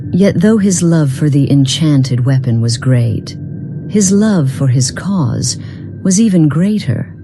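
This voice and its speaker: In heavily acted, scripted fantasy game dialogue, a woman uses a mellow bass voice to portray a proud, enigmatic, part-human being of great age. Her speech is formal, deliberate and full of archaic phrasing.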